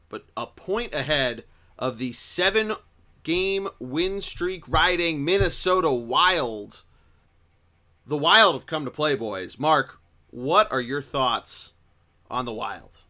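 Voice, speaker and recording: A man co-hosting a casual sports podcast, running through the rundown and passing questions to his co-hosts. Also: mid-range voice. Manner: lively, runs the rundown and tosses questions to co-hosts. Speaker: podcast co-host leading the segments.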